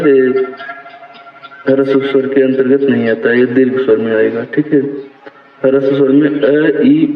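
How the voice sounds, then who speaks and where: A man teaching a Hindi lesson slowly, repeating his points and checking in often. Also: medium pitch. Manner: slow, repeats points, says "theek hai" often. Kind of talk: slow explanatory lesson. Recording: phone-like, echoey, distant.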